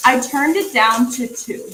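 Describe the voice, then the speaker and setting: A woman's voice: high-pitched, unhurried, fairly bright tone, echoey room, a little hiss or hum, low-quality recording. A young woman with a Canadian accent, chatting casually and rambling with lots of fillers and casual swearing while she cooks in her kitchen. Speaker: cooking vlogger. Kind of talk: casual chat while cooking. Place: home kitchen.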